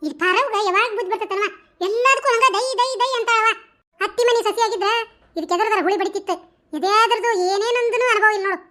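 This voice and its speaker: A woman's voice: very high voice, fast, bright, forceful tone. A woman voicing a scolding, gossipy village mother-in-law with a North Karnataka accent. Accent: North Karnataka Kannada.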